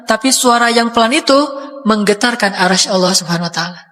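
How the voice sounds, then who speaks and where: A man's voice: high-pitched, quick pace, pushed and bright. A man from Indonesia preaching a sermon, telling stories in a casual, conversational way and acting out the quotes. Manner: casual storytelling with acted quotes. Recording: long hall reverb.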